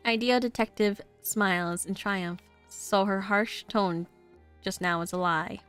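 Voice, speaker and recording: A woman game streamer reading visual novel narration aloud in an expressive way. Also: mid-range voice, measured pace, smooth, faint music behind.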